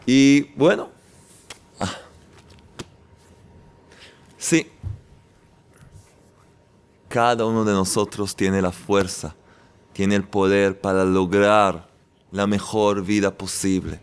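A man's voice: fairly low pitch, slow pace, pauses often, clean tone. A man giving a spoken sermon as a rabbi, earnest and exhorting, sometimes acting out the voices of the people he quotes. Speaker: rabbi teaching on faith.

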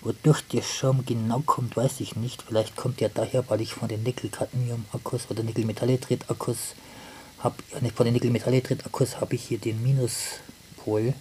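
A man giving casual commentary on his hands-on experiments, halting and thinking aloud, often repeating and rephrasing himself, recorded indoors on a handheld camera. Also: medium pitch, little pitch movement, warm tone, slight background noise. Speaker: hobby tinkerer presenting experiments.

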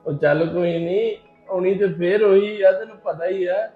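A man playing a husband who tries to calm his angry wife. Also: sits high, normal speed, reverberant, narrow, tinny audio, faint music behind, natural voice. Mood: placating. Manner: placating. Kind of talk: Punjabi family web drama.

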